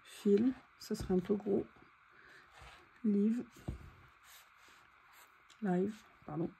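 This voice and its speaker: Speaking very slowly in a gravelly, warm, medium-pitched voice with a steady tone, a woman thinks aloud and chats casually while hosting a craft video. Her voice is giving out and she clears her throat. The audio is poor, with faint background noise.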